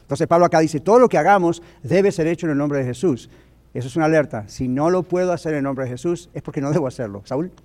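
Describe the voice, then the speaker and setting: Male pastor, rapid sermon delivery, question-driven teaching style, occasional English asides. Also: a little high, darkish tone. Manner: asks the audience frequent questions; drops into English words now and then.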